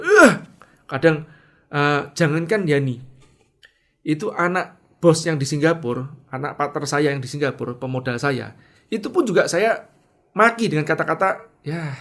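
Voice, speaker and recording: A middle-aged man telling a personal story about leadership in a casual monologue, acting out his own angry shouts and then dropping to a quiet, reflective tone. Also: a little high. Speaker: speaker sharing leadership lessons.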